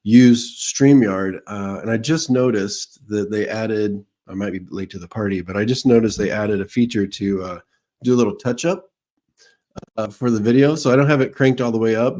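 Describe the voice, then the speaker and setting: A man with a low, mellow voice hosts a relaxed live stream as a psychic medium. He talks in a loose, rambling way, greeting viewers by name and chatting before he takes questions. He speaks into a streaming microphone. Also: fairly quick.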